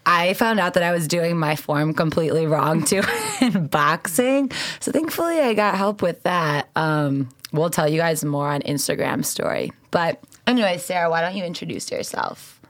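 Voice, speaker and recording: A young woman hosts a podcast in a casual storytelling style. Her voice is slightly low and recorded close and dry, and she comes across as earnest and enthusiastic. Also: expressive, normal speed, no echo. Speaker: podcast host and founder.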